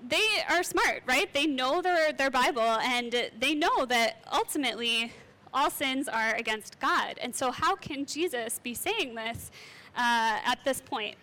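A young woman leads a casual Bible lesson in a talkative, friendly-explainer way, full of asides. Her voice sits high and sounds bright and forward. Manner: chatty and conversational, with laughs and asides. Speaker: youth Bible teacher.

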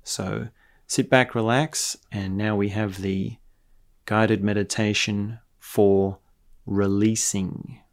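A man speaking as a meditation teacher, giving calm, deliberate guided instruction. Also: lowish voice. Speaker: meditation teacher introducing own course. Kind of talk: guided meditation and spoken introduction.

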